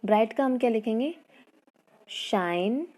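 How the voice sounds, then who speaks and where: In an online Hindi-English lesson on an English poem, a woman teacher speaks in a fairly high, animated voice with a darkish tone. She reads the English lines with slow care, repeats important words, and quizzes her students.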